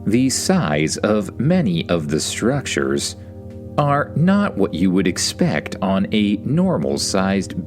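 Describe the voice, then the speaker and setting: A man voicing a calm, matter-of-fact spaceship computer reporting findings in a bedtime story. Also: fairly low pitch, full character voice.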